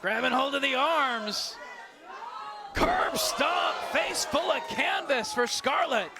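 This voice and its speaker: A man calling live wrestling play-by-play, excited and clipped, often raising his voice to a shout. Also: extremely high pitch, slow pace, creaky. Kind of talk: live sports commentary. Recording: loud crowd and noise behind. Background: wrestling crowd.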